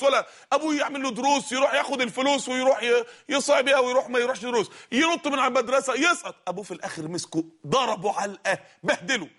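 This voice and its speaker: A male preacher with an Egyptian Arabic accent delivers a fervent sermon at a breakneck pace. His voice sits very high and sounds bright and forceful, and he rises into shouts as he exhorts the congregation. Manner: fervent, fast, sometimes shouting. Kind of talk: impassioned sermon.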